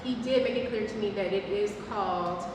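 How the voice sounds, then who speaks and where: A woman's voice: mid-range voice, fairly quick, dull audio, background noise. A woman hosting an artist talk in a gallery, introducing and interviewing the guest in a friendly, conversational way. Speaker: gallery host. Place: art gallery. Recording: echoey gallery from far off, with music.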